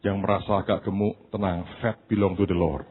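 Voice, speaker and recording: A man pastor preaching a sermon, swinging from quiet asides to high shouted preaching, with humorous stories and acted-out quotes. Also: steady tone, a little fast, husky. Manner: tells humorous anecdotes and acts out quoted voices. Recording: thin phone-like sound.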